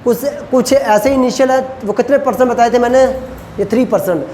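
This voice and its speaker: A male lecturer who teaches Chinese pronunciation, repeats syllables slowly and quizzes his students. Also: very high voice, dark tone. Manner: asks students questions. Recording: echoey room, faint ambient noise.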